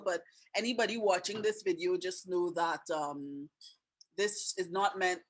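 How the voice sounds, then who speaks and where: A woman from Trinidad and Canada with a Trinidadian accent tinged with Canadian, hosting an online webinar in a chatty, friendly way with many asides, on a computer mic. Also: lowish voice. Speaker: webinar host and teacher. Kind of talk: casual online webinar presentation.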